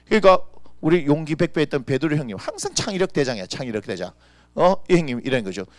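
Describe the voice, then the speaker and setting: A male pastor preaching a lively, conversational sermon full of rhetorical questions. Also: a little high, fast, dry recording. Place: church.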